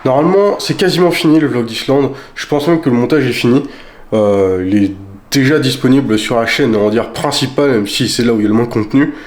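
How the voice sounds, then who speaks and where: A young man vlogs casually about his week, talking fast and rambling with many fillers and restarts. His voice is medium-pitched and a little mellow, though he sounds stuffy from a cold.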